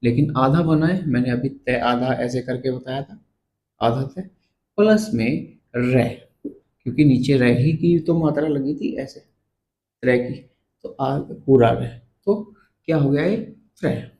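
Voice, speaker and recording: Slow, patient male grammar teacher. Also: medium pitch, mellow, a little hiss or hum, rough recording. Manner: slow, repeats terms and quizzes the viewer. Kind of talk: blackboard lesson explaining letters.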